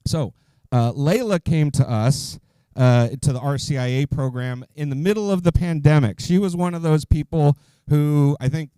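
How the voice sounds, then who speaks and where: Middle-aged man, deacon hosting a panel, mellow tone, smooth clear voice, chatty with ums. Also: fairly high pitch, moderate pace. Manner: conversational, with frequent ums and restarts. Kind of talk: casual introduction to a live stream.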